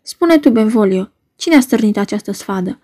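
Stern duke read by a woman, measured, mellow voice. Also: mid-range voice, expressive, natural voice. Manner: measured, commanding. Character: stern ruling duke, solemn authority. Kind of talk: dramatic reading of a play.

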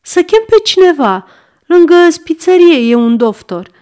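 Brief: meek hungry servant woman, anxious and pleading, pitched very high, storybook reading, read by a woman. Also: big pitch swings, a little mellow. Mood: worried. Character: poor hungry female servant, meek and worried.

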